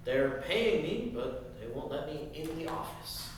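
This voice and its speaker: A man's voice: fairly high pitch, expressive, a little slow, a little hiss or hum. A man reading the part of an awkward, sardonic young slacker who talks hesitantly and swears casually at a table read. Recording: echoey room from far off.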